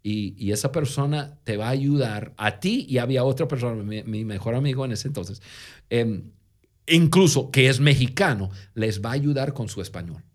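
Man, non-native speaker with an accent, podcast co-host, casual storytelling, lively rising and falling pitch, halting restarts. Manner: halting, with frequent restarts and repeated words.

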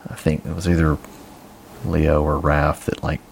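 A man with a low, deep voice talks casually on a podcast, rambling along and chuckling as he goes. Faint room ambience hangs behind him. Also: normal speed, vocal fry, a little hiss or hum. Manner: relaxed, rambling, chuckles often. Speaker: podcast co-host. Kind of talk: casual chat about comics.

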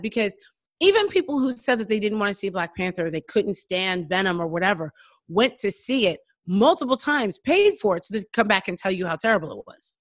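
A woman talking casually about comics and pop culture, acting out quoted reactions in a quick, chatty way. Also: mid-range voice, fairly bright tone, dry recording. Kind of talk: casual conversation.

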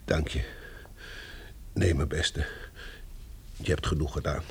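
A man's voice: rumbling low, steady tone, takes it slowly, darkish tone, breathy edge, exaggerated voice. An actor playing an older male professor in a radio drama, shaken and earnest after nearly drowning. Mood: grave. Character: elderly male professor, frightened but dignified.

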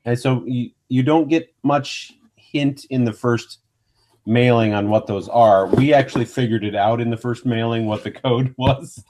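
A man's voice: mid-range voice, unhurried, a little mellow, slight background noise. A man in his early forties chatting casually. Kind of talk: casual chat.

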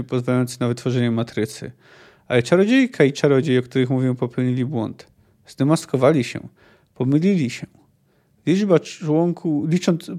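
A man voicing a weary middle-aged male monster hunter, giving an earnest, measured apology. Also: medium pitch, dark tone, natural voice.

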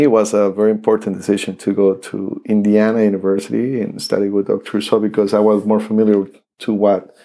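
Gravelly-voiced man with a Costa Rican Spanish accent. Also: fairly low pitch, dark tone. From Costa Rica. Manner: halting, many restarts and fillers. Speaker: interview guest, saxophonist. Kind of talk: casual interview storytelling.

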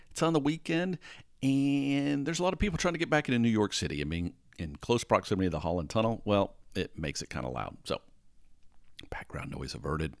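A man with a lowish voice hosts a solo podcast from indoors at home. He talks in a casual, rambling way, often restarting sentences and checking in with the listener. The sound is close and dry, with no room around it. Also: no room sound. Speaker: podcast host.

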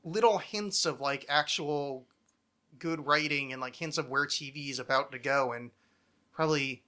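A man in his thirties hosts a podcast, chatting casually about television in a rambling, tangent-prone, openly profane way. His fairly high voice is clear and resonant with a sharp edge, delivered at a moderate pace.

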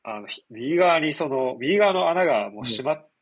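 A man in his twenties with a nasal, stuffed-up, husky voice, chatting casually as a podcast host in a rambling, explanatory way. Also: on the high side, lively intonation, moderate pace. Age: 20s. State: congested after nose surgery. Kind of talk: casual chat.

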